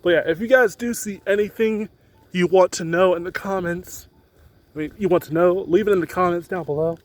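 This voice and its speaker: Higher-voiced young man rambling outdoors. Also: brisk. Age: young adult. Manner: rambling, off-the-cuff. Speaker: student vlogger. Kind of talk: casual walking vlog chat. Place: outdoors on a campus street. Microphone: handheld phone. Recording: faint outdoor street noise.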